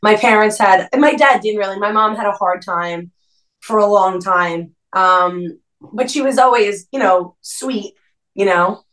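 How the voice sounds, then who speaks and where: Animated woman in her thirties, Jersey accent. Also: mid-range voice, a little slow, far from the mic, low-quality recording. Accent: New Jersey Italian-American. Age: 30s. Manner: animated storyteller, lots of "like". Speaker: podcast guest, restaurant co-owner. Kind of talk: casual chat.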